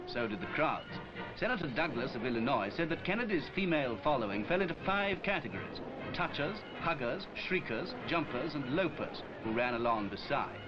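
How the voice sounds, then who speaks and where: A male narrator in an old newsreel, reading a scripted account with a lively, swinging pitch. Music plays clearly under his voice throughout. His delivery has the polished cadence of a vintage newsreel announcer. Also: fairly quick, poor audio.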